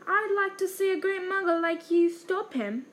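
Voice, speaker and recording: A woman voicing a huge, gruff but kindly male half-giant gamekeeper in a read-aloud novel, with folksy, clipped dialect speech. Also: very high-pitched, normal speed, fairly bright tone, voice pushed up. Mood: scornful.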